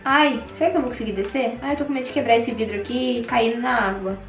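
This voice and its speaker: A young Brazilian woman with a Brazilian Portuguese accent, hosting an excitable Minecraft let's play and gasping at every find. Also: on the high side, fast talker, creaky, echoey room, faint music behind. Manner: excitable, gasping, squealing at finds. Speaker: gaming channel host.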